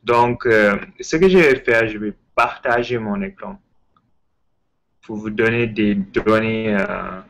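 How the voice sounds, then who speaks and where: Male host, English-tinged French accent, unhurried, hesitant and eager, lower voice. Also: fairly bright tone, low-quality recording. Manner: hesitant, many fillers and repeats; enthusiastic. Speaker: history channel host. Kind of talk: casual spoken lecture. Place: Ontario, Canada.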